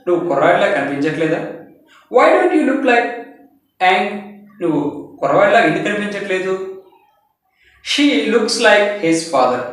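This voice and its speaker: Male language teacher with a Telugu accent, somewhat high pitch, slow drilling delivery, distant echoey recording. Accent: Indian English, Telugu. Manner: slow, deliberate example sentences repeated for drilling. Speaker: spoken English teacher. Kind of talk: bilingual English lesson with Telugu explanations. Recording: echoey room, far from the mic.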